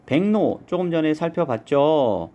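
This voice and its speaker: A man teaching an exam review lesson, explaining step by step and slowly modeling each pronunciation. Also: a little high, animated, warm tone, dull audio.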